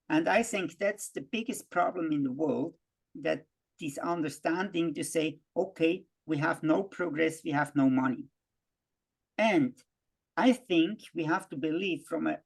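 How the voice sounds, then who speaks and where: A man from Switzerland, giving a halting worldview lecture full of restarts and fillers. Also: a little high, creaky, darkish tone, slightly rough.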